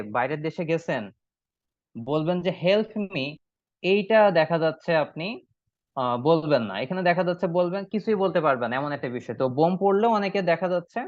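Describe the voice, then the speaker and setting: A man's voice: on the high side, no room sound. Man teaching an online class, drilling phrases. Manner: explains step by step, repeats phrases slowly for drilling. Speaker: spoken English teacher. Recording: dry, slightly dull online-class audio.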